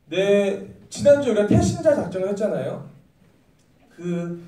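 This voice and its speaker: Youth pastor, male, high animated delivery, mellow tone, miked from a distance in an echoey church hall. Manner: lively storytelling, acts out quoted lines. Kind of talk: sermon to a youth group.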